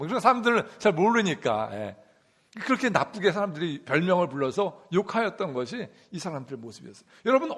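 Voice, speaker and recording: A man's voice: sits high, fairly bright tone. A middle-aged man preaching a sermon in a church, asking the congregation questions and repeating key words in a rhythm. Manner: call-and-response questions to the congregation; rhythmic repetition for emphasis. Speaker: pastor. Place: church sanctuary.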